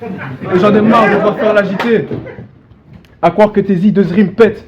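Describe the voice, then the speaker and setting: A man's voice: sits high, moderate pace, muffled recording. A man delivering declamatory, mocking a cappella battle rap. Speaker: battle rapper. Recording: clearly noisy live recording.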